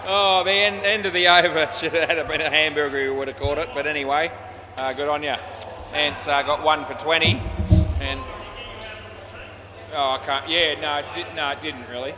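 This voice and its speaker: Laconic Australian man, higher-pitched, noisy sports hall. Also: fairly even intonation, normal speed, pauses often. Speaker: umpire and commentator. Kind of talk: casual amateur indoor cricket commentary. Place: indoor cricket centre. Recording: noisy indoor sports hall, bouncing balls.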